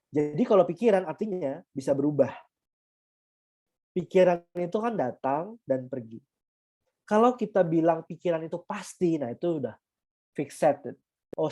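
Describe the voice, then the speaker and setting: A man teaching meditation in a calm, explanatory way, often checking in with his listeners and mixing English terms into his talk. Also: fairly high pitch. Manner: calm, explanatory, frequent tag questions, mixes in English terms. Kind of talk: guiding an online meditation talk.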